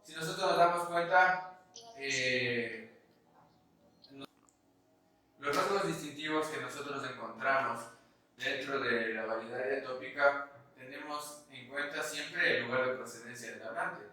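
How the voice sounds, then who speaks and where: In a recorded class lecture, a man with an Ecuadorian highland Spanish accent explains step by step, often checking understanding with "¿sí?". He speaks unhurriedly with long pauses and a sharp tone, heard from a distance in an echoey room.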